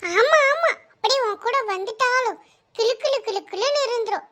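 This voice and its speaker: A woman voicing a sharp-tongued older mother-in-law in a cartoon, taunting and bickering. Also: very high voice, normal speed.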